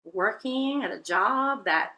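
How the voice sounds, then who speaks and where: The audio is poor as a Venezuelan woman, a spiritual healer, slowly shares her life story as an interview guest. Her fairly high voice sounds pushed and bright with lively intonation, and she hesitates, using many fillers and restarts.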